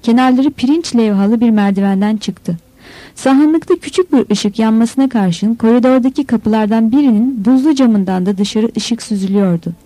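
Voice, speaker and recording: A woman giving a steady, descriptive audiobook narration. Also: a little high, moderate pace, no room sound, rough recording. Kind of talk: scripted narration.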